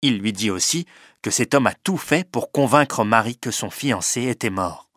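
A man's voice: on the low side, expressive, normal speed, a bit bright, dry recording. Man narrating a story, dry close sound. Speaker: audiobook narrator.

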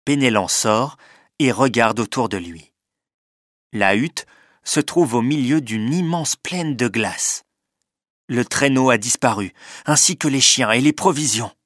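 A man's voice: medium pitch, unhurried, fairly bright tone, no echo. Man narrating a story, dry close sound. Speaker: audiobook narrator.

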